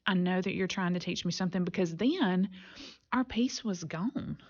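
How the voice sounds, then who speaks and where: A woman's voice: lowish voice, normal speed. A woman in her forties, a podcast guest, telling her faith story in an earnest, reflective way. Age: 40s. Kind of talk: personal faith testimony. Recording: muffled lo-fi audio.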